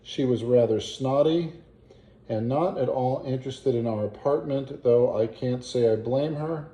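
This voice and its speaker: A man reading an old family letter aloud in a halting way, with asides and pauses to puzzle out words. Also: medium pitch, warm tone. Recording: roomy, echoing home recording.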